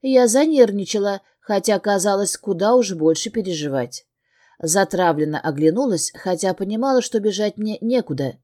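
A woman narrating a first-person fantasy audiobook in an expressive, emotionally engaged way. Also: mid-range voice, moderate pace.

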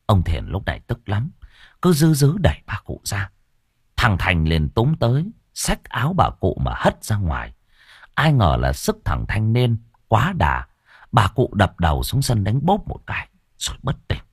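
A male audiobook narrator. His reading is expressive and rises and falls a lot. The voice is gravelly and husky, recorded dry and close. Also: fairly low pitch, a little slow, no room sound. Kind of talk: storytelling narration.

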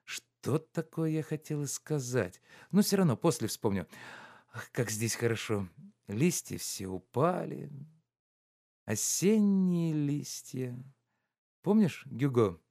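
A man's voice: mid-range voice, takes it slowly, vocal fry, pauses often, voice pushed up, heavily acted. A man reading aloud and voicing a carefree, teasing young woman in an audiobook. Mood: playful. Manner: lively, teasing, coaxing.

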